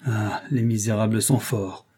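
A man's voice: lowish voice, steady tone, unhurried, warm tone, breathy edge. A man voicing a proud, stern male count who speaks in a curt, hard tone. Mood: bitter.

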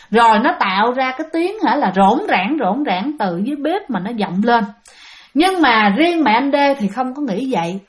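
A woman telling a ghost story in a chatty way, often addressing her listeners directly. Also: fairly high pitch.

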